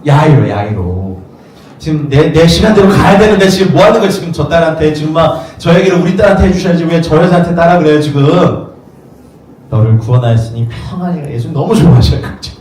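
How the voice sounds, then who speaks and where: Korean pastor preaching in an echoey room. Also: male voice, a little high, animated, fast, a little mellow. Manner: conversational, acts out quoted voices. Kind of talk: sermon. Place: rented studio space used for worship. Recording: echoey room, mic at a distance, faint noise.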